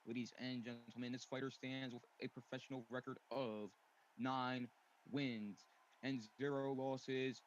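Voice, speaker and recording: A man announcing like a boxing ring announcer, with ceremonial, drawn-out introductions. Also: mid-range voice, little pitch movement. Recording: muffled lo-fi mic with faint noise.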